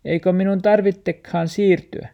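A man's voice: high-pitched, fairly even intonation, creaky, dull audio, voice pushed up. A man reading a storybook, voicing a timid, sad young pet dog in a small worried voice.

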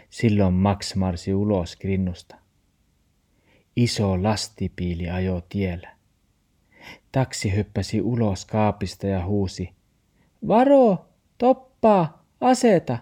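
A man reading a children's storybook aloud in an expressive, sing-song way. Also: low voice, pauses often. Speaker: narrator.

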